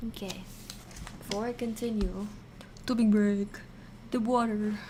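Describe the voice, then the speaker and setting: A woman hosting a casual livestream science lesson, thinking aloud haltingly and repeating key terms as she chats with viewers. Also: medium pitch, fairly even intonation, warm tone, a little hiss or hum. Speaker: science streamer, virtual avatar host.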